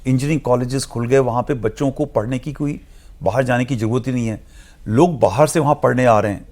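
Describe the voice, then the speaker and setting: Male guest analyst, gravelly, measured lecturing delivery with English phrases mixed in. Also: medium pitch, a little mellow. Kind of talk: explanatory TV discussion.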